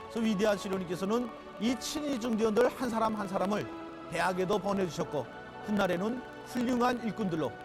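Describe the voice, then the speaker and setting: High-voiced North Korean man over loud music. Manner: reverent, declamatory. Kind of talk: solemn scripted oratory.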